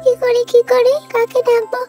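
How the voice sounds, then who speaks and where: A woman voicing a mischievous little child in a storybook doll story, calling out in a high, whiny way. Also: completely flat delivery, moderate pace, music in the background. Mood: playful. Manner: high childish whining calls.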